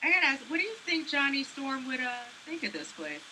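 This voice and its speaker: A woman hosting a live morning-show interview at a big event, sounding peppy and energetic. Her voice is very bright and a bit high, with faint noise behind. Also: brisk, rough recording. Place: large event hall with a rocket on display.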